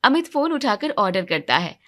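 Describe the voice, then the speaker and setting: A woman's voice: mid-range voice, sing-song, normal speed, sharp tone. A woman narrating a storybook cartoon in a plain, matter-of-fact way.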